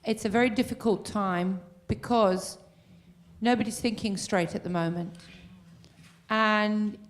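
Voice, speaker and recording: A woman in the audience asking a long earnest question at a public meeting, pausing with fillers. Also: medium pitch, steady tone. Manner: earnest, pauses with um. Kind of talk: question from the floor.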